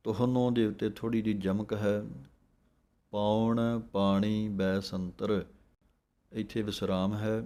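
Slow, low-voiced man teaching recitation. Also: little pitch movement, warm tone. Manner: recites verses slowly and drawn out, then explains. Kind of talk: slow recitation lesson with pronunciation notes.

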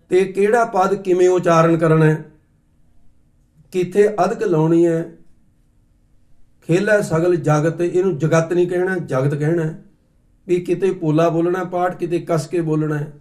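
A Sikh preacher from Punjab delivers a katha sermon filled with anecdotes, his voice slightly high and darkish. He tells stories, acts out the voices he quotes, and explains things slowly and deliberately.

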